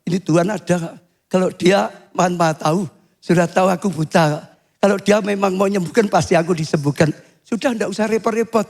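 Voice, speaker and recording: Older male pastor, high voice. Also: a little fast, vocal fry. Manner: swings to high shouting when acting out cries. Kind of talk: sermon.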